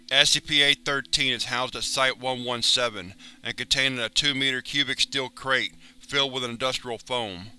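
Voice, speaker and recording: A man reading a wiki entry aloud as a narrator, in a steady, formal, clinical way. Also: medium pitch, clear, resonant tone.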